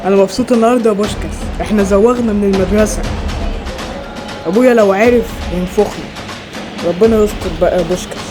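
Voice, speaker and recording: A fretful schoolboy, voiced by a woman, talks quickly and keeps repeating his worries. Music plays behind him. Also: mid-range voice, voice pushed down, close to an everyday voice, low-quality recording. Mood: worried. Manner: fretful, repeats himself in panic. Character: panicky schoolboy who skipped school.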